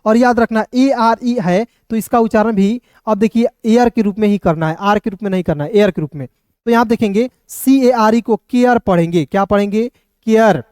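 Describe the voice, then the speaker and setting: A man with a high, light voice gives an English reading lesson. He spells each word out letter by letter, slows down to drill it, and turns to his listeners with questions. The sound is close and dry, with no room echo. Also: darkish tone. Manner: drills words, spells them out letter by letter and slowly; keeps asking the viewers questions, calling them friends. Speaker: English teacher. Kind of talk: spoken phonics lesson for Hindi speakers.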